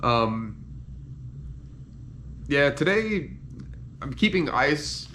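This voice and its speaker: Halting, slow-talking man sore after surgery. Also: mid-range voice, big pitch swings, bright, forceful tone, slight background noise. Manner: halting, trailing off. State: in pain after surgery, on painkillers; congested from head cold and sinus trouble. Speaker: patient giving a recovery update. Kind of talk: casual personal video diary, unscripted.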